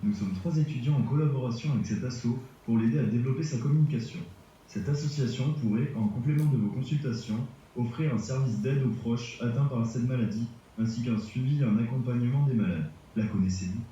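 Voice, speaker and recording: A man's voice: mid-range voice, a little fast, warm tone, slight background noise, lightly acted. A man playing a polite student phoning a doctor in an amateur stage sketch, reading formally. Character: polite male student caller. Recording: dull, echoey, from far off.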